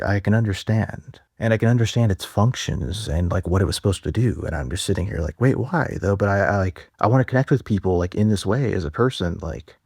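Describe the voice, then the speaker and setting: A man's voice: on the low side, gravelly, darkish tone, no echo, clean studio sound. A young man in a casual confessional vlog monologue, rambling and self-deprecating, full of fillers. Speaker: vlogger.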